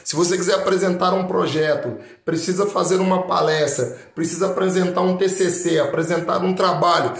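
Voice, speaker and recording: An emphatic motivational speaker, a man with a Brazilian Portuguese accent, who talks directly to the listener and keeps restating his point. His voice sits a touch high for a man. The recording has a roomy, echoing sound. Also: vocal fry, fairly bright tone. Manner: emphatic, addresses the listener directly with repeated phrases. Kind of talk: motivational talk to camera. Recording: roomy echo.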